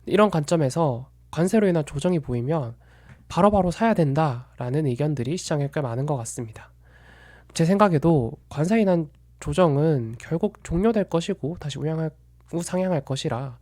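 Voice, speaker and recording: A man gives a reflective solo commentary on investing, measured and analytical, stopping now and then to correct a word. His voice sits a little high for a man. The recording is dry and close, with almost no room sound. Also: warm tone, no room sound.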